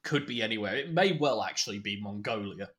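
A man's voice: lowish voice, animated, brisk, fairly bright tone. A man co-hosting a casual film podcast, recapping the plot with laughs and the odd swear. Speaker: podcast co-host. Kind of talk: casual film review chat.

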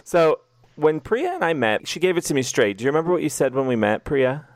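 A man's voice: fairly high pitch, sing-song, fairly quick, no echo, clean studio sound. An American man hosting a casual interview, asking playful, teasing questions and laughing often. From United States. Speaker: podcast host.

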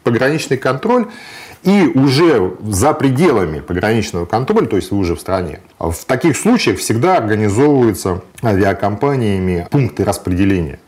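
A man with a fairly low voice that rises and falls a great deal. He explains things step by step in a matter-of-fact way, often pausing on hesitation sounds. He speaks as a guest in a conversational interview. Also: sing-song, a little mellow. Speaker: guest sharing travel experience.

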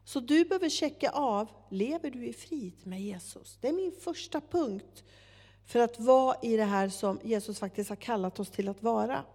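A woman preaching a sermon, telling a story with lively acted-out dialogue. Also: on the high side, breathy edge. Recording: long hall reverb.

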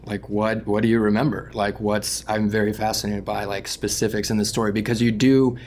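A man hosting an interview podcast in a relaxed, joking, chatty way. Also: lowish voice, brisk, slight background noise. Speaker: podcast host. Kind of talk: casual interview chat.

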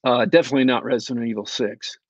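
A man with a steady, mid-range voice talks fast while reviewing a TV show on his podcast. He's casual and sarcastic, drifting off topic amid many ums and restarts. The sound is dry and slightly dull lo-fi.

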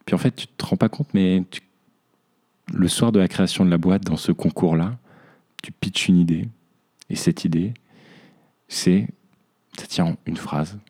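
A man's voice: sits low, a little slow, pauses often, a little mellow. A young man hosting a podcast, speaking in a reflective personal monologue and talking to himself as "tu". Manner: introspective, addresses himself as "tu". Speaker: podcast host.

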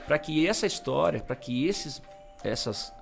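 A man's voice: on the high side, animated, measured pace, gravelly, faint music behind. A middle-aged Brazilian man tells his conversion testimony in a slangy, emphatic way. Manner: slangy, emphatic storyteller, bursts of loudness. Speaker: guest sharing conversion testimony. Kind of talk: casual testimony chat.

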